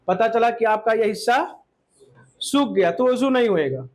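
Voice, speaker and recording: A man with a very high, lively voice teaches Islamic law to a class. He quizzes the students, often checks that they agree, and mixes in English words.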